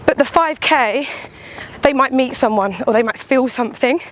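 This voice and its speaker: A woman talks candidly and casually while out on a run, animated and chatty, swearing lightly and acting out little imagined quotes as she goes. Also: high-pitched, moderate pace, slight background noise. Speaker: runner and vlogger. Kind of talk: casual chatty vlog monologue.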